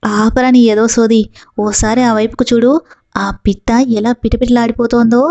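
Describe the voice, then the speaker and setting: Bossy, lecherous village landlord voiced by a female narrator, gruff and scolding, mellow tone, slightly muffled audiobook sound. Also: on the high side, little pitch movement, normal speed.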